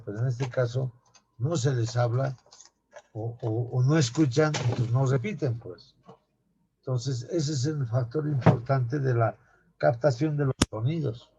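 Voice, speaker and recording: A man's voice: medium pitch, vocal fry, dark tone, slight background noise. A man giving an anatomy lecture to students, often asking rhetorical questions and calling them "young people.". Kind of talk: classroom lecture. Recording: dull lo-fi classroom recording.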